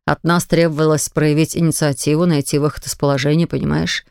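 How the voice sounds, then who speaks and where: A woman reading aloud voices a hot-tempered, exasperated father in a lowered voice, lecturing and blustering. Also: flat delivery, brisk, creaky, darkish tone, clear, resonant tone, no room sound, studio quality.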